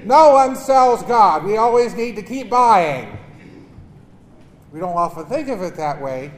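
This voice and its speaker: A man speaking as a priest at Mass with emphatic, deliberate delivery, his voice echoing in a large church. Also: very high-pitched. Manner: emphatic, deliberate pauses and repetition. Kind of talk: gospel reading and homily. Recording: cathedral-like echo, long church reverb.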